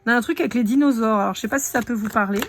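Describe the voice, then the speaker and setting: A woman's voice: fairly high pitch, rapid-fire. A woman giving a casual live card reading, chatting directly to her viewers. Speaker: tarot card reader.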